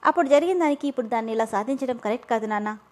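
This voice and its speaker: A woman's voice: on the high side, very fast, darkish tone, close to an everyday voice. A woman doing a distressed, scolding mother. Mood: pleading. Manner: pleading then scolding.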